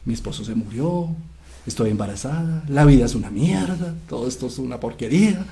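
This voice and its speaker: A man's voice: medium pitch, animated, a little fast, mellow, lightly acted. Ereshkigal, an anguished underworld goddess, as a man puts her on. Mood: grieving. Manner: dramatic, wailing complaints. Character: furious grieving goddess of the underworld, woman.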